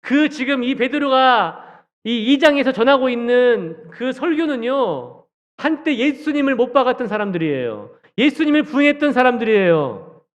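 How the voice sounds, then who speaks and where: A man's voice: very high voice, normal speed. A man preaching a sermon in a church, questioning his listeners and acting out quoted lines. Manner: animated, acts out quoted dialogue, asks the congregation questions. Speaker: junior pastor. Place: church sanctuary. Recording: dull church hall recording with long reverb.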